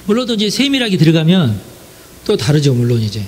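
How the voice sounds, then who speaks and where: Speaking quickly in a sing-song, slightly high and mellow voice, a Jeolla-region preacher from South Korea gives a chatty sermon aimed directly at his audience. He often adds affirming asides, and there's slight background noise.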